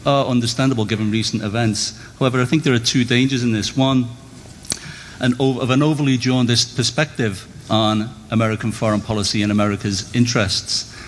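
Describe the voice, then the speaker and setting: Man giving a formal debate speech in a reverberant hall. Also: medium pitch. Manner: measured, rhetorical, builds lists of phrases. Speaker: debate speaker. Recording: long hall reverb, faint background noise.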